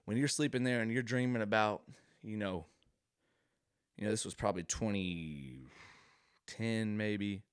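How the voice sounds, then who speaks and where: A man spinning a comic story with a lowish voice, wandering off on slangy tangents and talking straight to the listener. His delivery is animated and loose. The sound is dry and close, with no room echo. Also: unhurried, long pauses, clear, resonant tone. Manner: animated, rambling, slangy asides. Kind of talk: comedic storytelling monologue.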